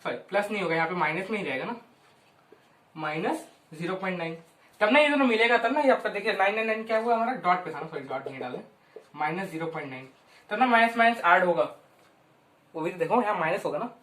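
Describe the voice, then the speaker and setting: A woman teaching a maths lesson at a whiteboard in a chatty way, drawing out long strings of digits slowly and checking in with her students often. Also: fairly low pitch, expressive, a bit bright. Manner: chatty, keeps checking in with "ठीक है" and "हाँ"; slows right down to spell out long strings of digits. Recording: roomy, voice from some distance.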